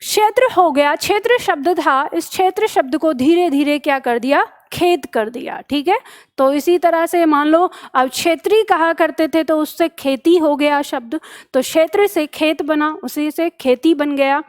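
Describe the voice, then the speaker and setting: A woman's voice: sits high, normal speed. A young woman teaching an online exam-prep lesson, explaining step by step and repeating each answer back as a question. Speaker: Hindi teacher.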